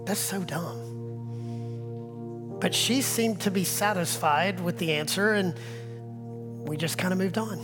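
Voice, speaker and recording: A middle-aged pastor preaches in a church, telling stories and acting out the conversations in them. He often drops to a near-whisper, then comes back louder. Music plays clearly underneath his voice. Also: high-pitched, measured pace, pauses often. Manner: storytelling with acted-out dialogue, swinging between quiet whispers and louder bursts. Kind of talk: sermon.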